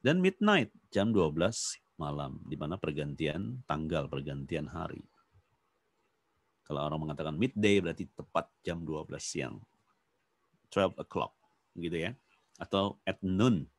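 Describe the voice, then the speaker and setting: Male teacher, low voice, dry close sound, patient drilling of phrases. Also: unhurried, pauses often, no echo. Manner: patient, repeats model phrases with exaggerated rising intonation. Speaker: English teacher. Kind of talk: online class lesson, mixing Indonesian and English. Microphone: video call.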